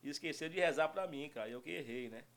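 A middle-aged man telling stories in casual chat, animated and laughing often. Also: fairly high pitch, fast, creaky. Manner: animated storytelling with frequent laughter. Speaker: guest storyteller.

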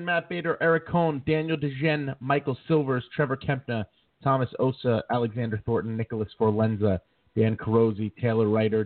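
A podcast host with a mid-range voice and a slightly sore throat chats casually, joking and poking fun at himself. The recording is dry and tinny, like a phone, and a bit distant.

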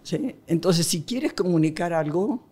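A woman guest on a podcast, explaining relationship problems in a lively way and acting out bits of dialogue. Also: on the low side, a little slow, husky. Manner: animated, acts out quoted dialogue.

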